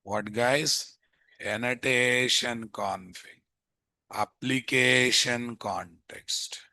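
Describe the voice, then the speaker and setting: A man's voice: mid-range voice, steady tone, extremely slow, gravelly, pushed and bright, dry recording. A man with a Telugu Indian accent teaching programming in a live online lecture, dictating notes, repeating phrases and quizzing listeners with tag questions. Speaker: programming instructor. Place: indoors, live screen-share online class.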